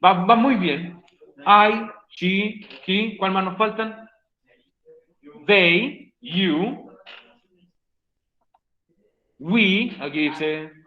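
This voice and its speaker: A man's voice: sits high, drawn-out words, long pauses. A man teaching an English grammar class online, playful and joking with his students while repeating key points. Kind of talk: online class explanation in Spanish. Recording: roomy, dull lo-fi stream audio.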